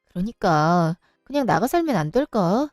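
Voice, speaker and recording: A woman's voice: mid-range voice, sing-song, normal speed, a little mellow, no room sound, studio quality, soft background music. A woman narrating a storybook drama and voicing the tired wife in a pleading tone.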